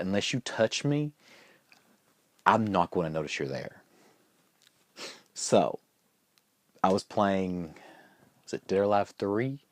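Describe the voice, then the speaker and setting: Deep-voiced man rambling through a vlog story. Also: no echo. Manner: rambling, with frequent restarts and fillers; chatty and good-humored. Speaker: vlogger.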